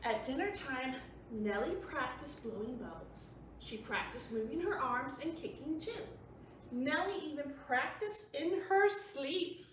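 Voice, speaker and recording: Reading a story for children, this woman speaks in a high, animated voice at an unhurried pace, keeping her explanations simple. She hosts library storytime, and the recording has heavy room echo, a far-off mic, and light background noise.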